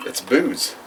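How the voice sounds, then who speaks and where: A man co-hosting a casual podcast chat over drinks, joking and laughing often. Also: medium pitch. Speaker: podcast co-host. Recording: distant mic with noisy background and clicks.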